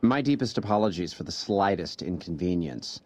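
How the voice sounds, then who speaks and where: An actor playing a polite, officious hotel greeter in a video game, with the formal courtesy of a petty bureaucrat. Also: male voice, sits low, expressive, normal speed, darkish tone, no room sound. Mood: officious, courteous. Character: polite, officious male casino hotel greeter enforcing house rules. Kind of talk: video game character dialogue.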